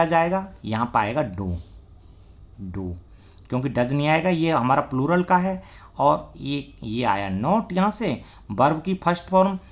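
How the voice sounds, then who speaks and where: Male tutor, gravelly and fairly high; grammar class that asks and answers its own questions. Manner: asks questions and answers them himself, spells words letter by letter. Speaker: English grammar teacher. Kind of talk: classroom lesson.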